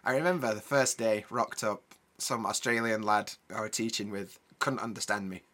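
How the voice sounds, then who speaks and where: A man's voice: fairly low pitch, steady tone, moderate pace, fairly bright tone. A man with a Yorkshire accent and glottal stops, chatting casually as he hosts an English lesson. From Yorkshire, northern England. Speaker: English teacher, podcast host. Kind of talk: casual educational chat.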